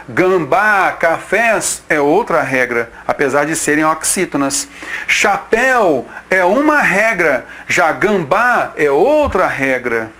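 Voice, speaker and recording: A man's voice: fairly high pitch, fairly bright tone. A man teaching an exam-prep grammar lesson, casual and direct, reading out example words one by one and checking in with the listener. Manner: informal, checks in with "tá ok?".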